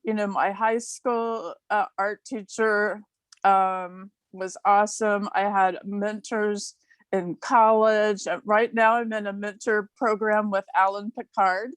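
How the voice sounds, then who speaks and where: A woman in her sixties from Ohio, USA, who has just joined a club, shares a heartfelt personal story over a video call. Her medium-pitched voice is flat and slow with no echo, and she chats and laughs between phrases.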